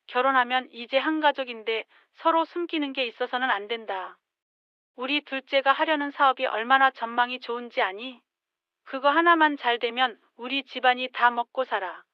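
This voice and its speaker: Brief: a woman doing a soft-spoken, coaxing older mother-in-law in a storybook narration; high voice, dull lo-fi sound. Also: dry recording, natural voice. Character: sweet-talking older mother-in-law, tearful pleader.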